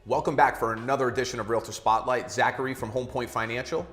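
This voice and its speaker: A man hosting an interview segment, friendly and brisk with a promotional manner. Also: mid-range voice, fairly even intonation, fairly bright tone, faint music behind. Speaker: interview host. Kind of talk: hosted interview.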